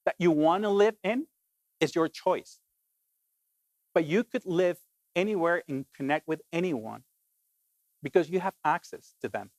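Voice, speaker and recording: A middle-aged Colombian man with a high-pitched voice delivers an animated, emphatic keynote talk to an audience, frequently saying "basically". There is no room sound.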